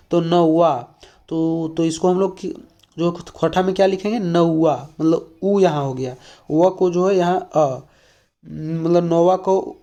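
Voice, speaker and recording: A man's voice: high-pitched, warm tone. A man from Jharkhand teaching an exam-prep language lesson, explaining step by step with lots of fillers and repeated questions to the class. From Jharkhand, India.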